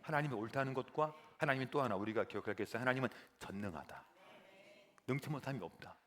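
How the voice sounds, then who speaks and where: Brief: male pastor, mid-pitched, lively sermon delivery that swells to loud emphasis. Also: fast. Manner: animated preaching, swells to loud emphatic peaks.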